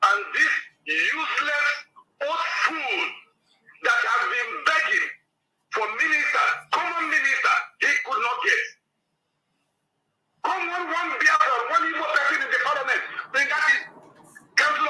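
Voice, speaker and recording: A man calling in by phone, heard over a speakerphone on a noisy line, ranting angrily and shouting his points with heavy repetition. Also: very high voice. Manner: angry, shouting, emphatic repetition. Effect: phone call played over a speakerphone. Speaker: caller. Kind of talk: impassioned call-in rant.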